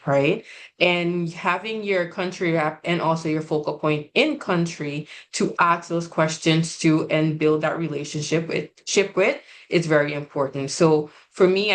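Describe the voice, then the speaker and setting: Measured woman on a webinar panel. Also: fairly low pitch. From Guyana. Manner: earnest, measured, with frequent "um" and "right?". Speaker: regional representative. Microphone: video call.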